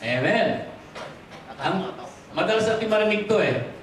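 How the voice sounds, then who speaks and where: A man with a Filipino accent preaching a sermon as pastor, switching freely into English, rising to stress points and dropping low and quiet to close them. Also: animated, moderate pace, a loud crowd. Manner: mixes in English, asks the congregation for amens. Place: church hall. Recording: echoey hall from far off.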